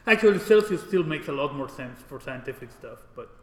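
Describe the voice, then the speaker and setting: With a fairly quick, expressive delivery and a little-high, slightly bright voice, a Mexican programming instructor gives a casual classroom lecture. Short tag questions come often as he seeks agreement. Background noise and heavy echo fill the indoor room.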